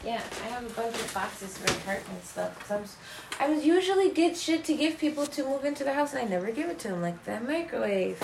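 A woman in casual chat, blunt and quick to swear, trailing off into mumbles. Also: fairly high pitch, sing-song, vocal fry, background noise. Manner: blunt, swears freely, drifts from loud to mumbled.

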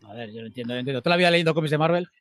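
Fast-talking bantering man. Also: fairly high pitch, fairly bright tone, no room sound, clean studio sound. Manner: joking, quick banter. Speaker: co-host. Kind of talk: casual reaction chat.

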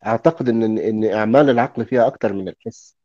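A man's voice: fairly low pitch, rapid-fire, mellow, no room sound, lo-fi sound. A male student giving hesitant, formal answers in class.

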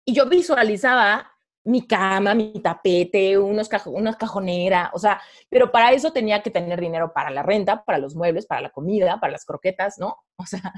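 A woman's voice: mid-range voice, brisk. A Mexican woman in her thirties, speaking as a podcast guest. She tells her story in a loose, conversational way. She livens it up by acting out what she once thought and said. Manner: animated, acts out her own past thoughts in quotes.

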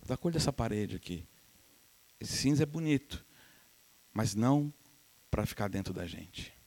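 A man's voice: fairly low pitch, unhurried. A middle-aged man from Brazil preaching a sermon as pastor, telling stories and acting out the voices of the people in them. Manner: animated, acts out quoted voices, laughs with the congregation. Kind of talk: sermon with storytelling.

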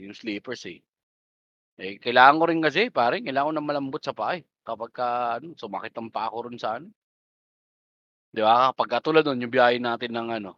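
A man's voice: medium pitch, fairly bright tone, no echo, muffled recording. A young Filipino man co-hosting a podcast, bantering loosely with lots of swearing and laughter. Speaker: podcast co-host. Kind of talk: casual chat.

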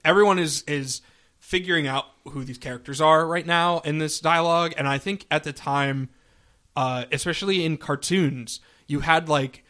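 A podcast co-host, a man with a fairly high, pushed and bright voice, chats casually at a moderate pace. He rambles along, full of fillers and restarts.

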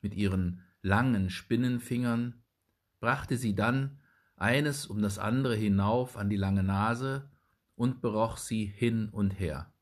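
A man reading a fairy tale aloud as narrator in a measured storytelling manner. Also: fairly low pitch.

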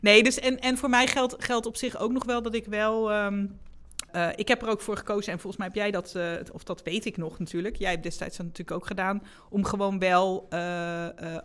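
In a casual conversation with an interviewer, a newly elected politician chats about a new role in a medium-pitched, slightly bright voice. The talk is hesitant, full of fillers and restarts.

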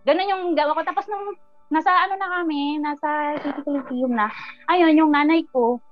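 A woman guest recounting her personal story in an interview, earnest and animated, often trailing off with fillers. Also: high-pitched, normal speed, no room sound. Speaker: guest, business owner. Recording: muffled sound with faint music.

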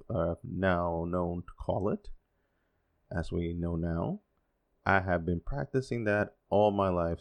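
His voice is low, creaky, and a little mellow as he rambles through a solo podcast he hosts. A Dominican man in his forties whose first language is Spanish, he leans on fillers and mocks himself with wry, sarcastic remarks.

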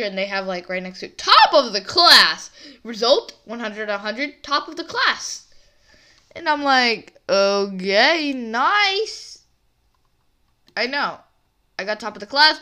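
A woman hosting a casual solo podcast, chatting excitably and rambling as she goes. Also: fairly high pitch, normal speed. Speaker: podcast host.

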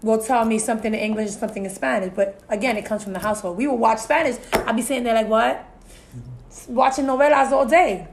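Over a noisy background, this Puerto Rican-American podcast co-host talks quickly in a steady, somewhat high voice. Raised in the US by a Puerto Rican family, she keeps the casual discussion going, chatty and sprinkling in plenty of "you know" and "so it's like."

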